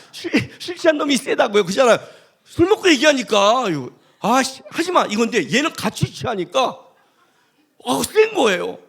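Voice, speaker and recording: Male pastor, high bright voice, animated and jokey, preaching in casual spoken language. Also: unhurried, creaky, husky. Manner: animated, joking, colloquial storytelling with acted quotes. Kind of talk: sermon.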